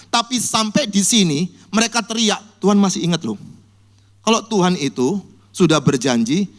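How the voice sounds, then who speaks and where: A male pastor preaching a sermon, telling Bible stories vividly and acting out people's cries for help in a high voice. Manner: lively storytelling, acts out cries in a high voice. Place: church.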